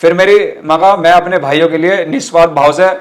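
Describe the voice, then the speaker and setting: A male party activist with a western Uttar Pradesh accent responds to interview questions in political-rhetoric mode. His voice is on the high side with fairly even intonation and a slightly fast pace, and he is earnest, emphatic and prone to repeating phrases.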